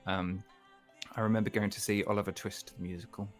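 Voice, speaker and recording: A man, a musician guest, speaking in a soft, reflective way with frequent restarts. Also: fairly low pitch, little pitch movement, a little fast, soft background music. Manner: soft-spoken, reflective, stammers and restarts often. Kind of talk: relaxed interview chat.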